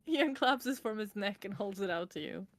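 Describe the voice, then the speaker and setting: Giggly young woman reading a game aloud. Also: mid-range voice. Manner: giggly, animated. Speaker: streamer. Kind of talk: casual let's play, reading game text aloud.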